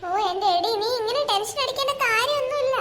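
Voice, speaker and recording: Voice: very high voice, quick pace, sharp tone, roomy sound, a little hiss or hum, voice pushed up. A performer voicing a young man in a cartoon, answering a phone call and brushing off the worry about a ghost. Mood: reassuring. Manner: casual, reassuring, offhand.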